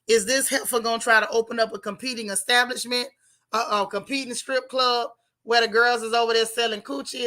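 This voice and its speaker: A channel host with a hoarse, fairly high-pitched voice reviews a TV show on a casual livestream. She talks directly to her chat, giving animated, opinionated takes.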